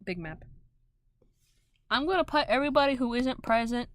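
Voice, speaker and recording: A woman's voice: a little high, moderate pace. Giggly young woman running a tabletop game. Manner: giggly, animated storytelling. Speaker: game master.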